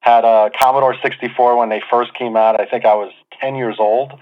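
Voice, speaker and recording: A man in his forties, born in Lebanon, tells his life story as a guest in a casual interview, his mid-range voice fairly even and fairly quick. He is chatty and self-deprecating with many fillers, heard over a tinny, phone-like line.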